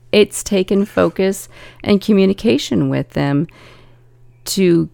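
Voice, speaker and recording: A woman's voice: mid-range voice, slow pace, vocal fry, mellow, dry recording. A woman co-hosting a casual podcast as a family coach, talking earnestly and reflectively, laughing easily.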